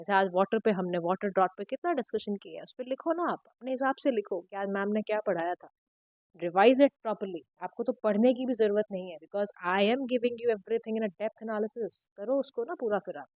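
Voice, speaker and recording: A woman teacher, giving an exam-prep lecture in a direct, instructive way, her throat slightly hoarse. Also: medium pitch, a little mellow, no echo. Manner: direct, instructive, mixing Hindi and English. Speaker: current affairs teacher.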